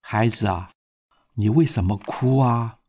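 Guy reading the part of a gentle police lady, soft and comforting, takes it slow. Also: mid-range voice, sing-song, a little hiss or hum. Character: kind gentle adult policewoman.

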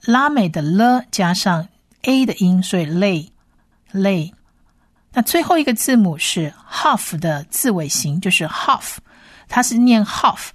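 A woman giving a slow pronunciation lesson as a teacher, spelling out sounds letter by letter and repeating each syllable patiently. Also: medium pitch, lively intonation, no room sound, studio quality. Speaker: Hebrew teacher.

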